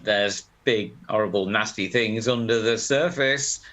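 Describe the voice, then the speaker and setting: A man's voice: lowish voice, unhurried, a bit bright, slight background noise, rough recording. A man, a tabletop game player musing thoughtfully in casual chat and restarting his thoughts.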